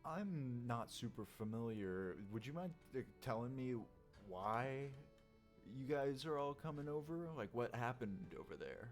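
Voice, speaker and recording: A man's voice: medium pitch, animated, measured pace, soft background music. A man playing a tabletop game, chatting casually as his character.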